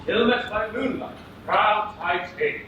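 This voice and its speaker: A man's voice: high voice, a little slow, sharp tone, highs cut off. A man playing a proud, jealous fairy king, declaiming with commanding theatricality in Shakespearean stage style. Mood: haughty challenge. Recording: distant echoey stage capture with faint noise.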